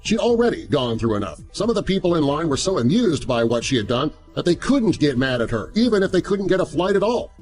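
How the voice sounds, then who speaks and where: A man reading a scripted story as a narrator, in an animated storytelling manner. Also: fairly high pitch, brisk, hardly any pauses, husky, poor audio. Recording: music under the voice. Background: background music.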